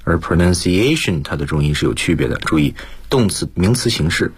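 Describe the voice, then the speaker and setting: A man's voice: deep voice, animated, brisk, husky, dry recording. A male lecturer explaining English vocabulary and grammar on a radio lesson, mixing English terms into his Mandarin explanations. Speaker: guest lecturer, school principal.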